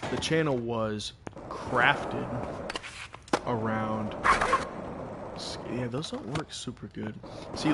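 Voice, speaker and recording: A man chewing gum as he gives rambling, halting, casual commentary on a live game stream. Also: mid-range voice. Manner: chewing gum while talking; rambling, halting, thinking aloud. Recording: loud background noise with clicking.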